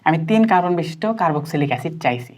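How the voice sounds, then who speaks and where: Fast-talking low-voiced woman teacher. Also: lively intonation, a little mellow, a little hiss or hum. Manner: quizzing, coaxing, checks understanding constantly. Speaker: chemistry teacher. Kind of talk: interactive tutoring lesson.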